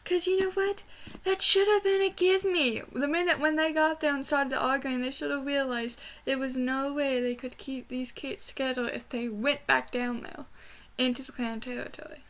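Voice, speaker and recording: In a small bedroom, a young book reviewer chats in a casual, rambling vlog using a high-pitched, a bit bright voice with fairly even intonation. She talks at a normal speed with few pauses and says W in place of R.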